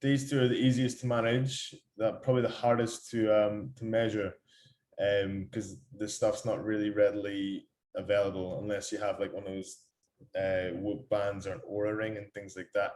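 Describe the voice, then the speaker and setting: A young man with an Irish accent giving a casual, chatty workshop talk, rushing along with lots of ums and restarts. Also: on the low side, flat delivery, darkish tone, reverberant. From Ireland. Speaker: workshop speaker. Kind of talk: casual presentation on a video call.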